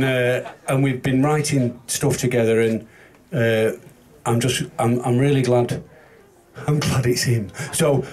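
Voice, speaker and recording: A man with a Salford accent giving a halting, self-deprecating award acceptance speech at an indoor event. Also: medium pitch, darkish tone. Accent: Northern English, Salford. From England. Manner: hesitant, self-deprecating, many restarts. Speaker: award winner giving thanks.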